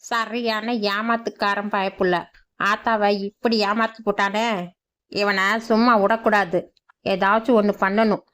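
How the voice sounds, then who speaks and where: A woman voicing a clever, boastful young village man in a cartoon, speaking low and slow. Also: little pitch movement, fairly bright tone, natural voice. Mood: grumbling. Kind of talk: cartoon voice acting. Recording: dull lo-fi sound.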